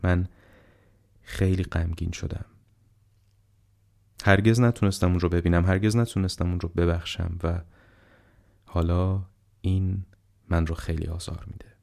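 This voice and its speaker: A man reading the part of a frail, dying old man who speaks slowly, haltingly and on the edge of tears. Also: deep voice, steady tone, vocal fry, a little mellow. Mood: regretful. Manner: slow, halting, tearful.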